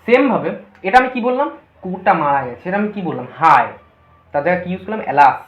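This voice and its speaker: A woman's voice: fairly low pitch, lively intonation, quick pace. A woman teacher explaining a grammar lesson, asking her students questions and then answering them herself. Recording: echoey, dull lo-fi room recording.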